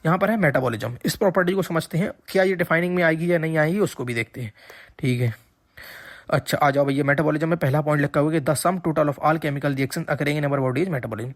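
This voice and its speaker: A man's voice: fairly high pitch, a little fast, no room sound, studio quality. A man teaching an exam-prep lecture, explaining patiently, repeating key points and checking that his students follow.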